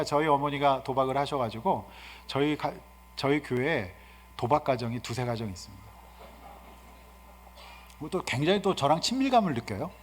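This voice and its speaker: A man in his fifties, a guest pastor preaching a sermon, swinging from soft asides to loud exhortations. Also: fairly high pitch. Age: 50s. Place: church sanctuary. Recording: hall reverb in a church.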